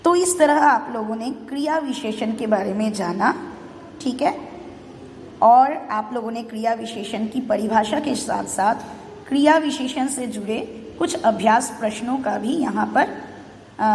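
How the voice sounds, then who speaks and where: Slow high-voiced woman teaching grammar. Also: darkish tone, a little hiss or hum. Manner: patient, explains step by step with questions. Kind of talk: Hindi grammar lesson for children. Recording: echoey room with long reverb.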